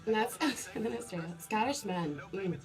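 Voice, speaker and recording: A woman's voice: medium pitch, animated, unhurried. A woman co-hosting a radio show, chatting casually and reading out listener messages in the studio. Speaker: radio co-host.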